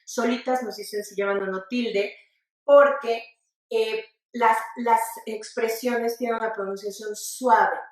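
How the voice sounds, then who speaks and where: High-voiced Mexican woman teaching spelling. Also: measured pace, very echoey, recorded from a distance. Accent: Mexican Spanish. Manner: lively, addresses viewers directly, asks them to repeat aloud. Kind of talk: online grammar lesson. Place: studio set with floor manager.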